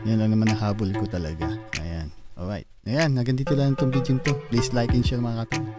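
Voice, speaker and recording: Man, casual vlogger, lowish voice, chatty, thinks aloud, studio mic. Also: fairly even intonation, brisk, loud music behind the voice. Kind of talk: casual unboxing vlog. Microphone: studio mic through mixer.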